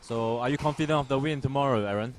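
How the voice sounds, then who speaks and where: A man's voice: mid-range voice, fast talker, a little hiss or hum. A man giving easygoing live commentary on a squash match, often asking his co-host questions. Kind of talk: casual live sports commentary.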